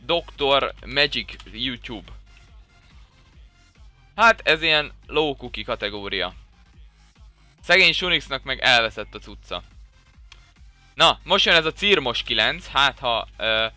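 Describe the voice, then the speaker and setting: Young male gamer, lively and sharp-toned, dry close mic with faint music underneath. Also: medium pitch, no room sound. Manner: excitable, bursts into loud swearing exclamations. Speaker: Minecraft server streamer. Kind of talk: casual gameplay commentary.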